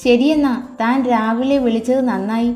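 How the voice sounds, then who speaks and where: A woman voicing a kind young man who talks to his mother calmly and reassuringly. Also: fairly high pitch, moderate pace, natural voice. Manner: calm, reassuring. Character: kind young man, gentle and teasing son. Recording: echoey room with soft music.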